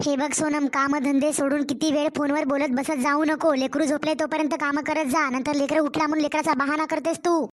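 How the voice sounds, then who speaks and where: Cartoon: woman voicing a sharp, loud older mother-in-law, Marathwada Marathi accent, raised pitch. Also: level tone, a little fast, close to an everyday voice. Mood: scolding. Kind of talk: cartoon story voice acting.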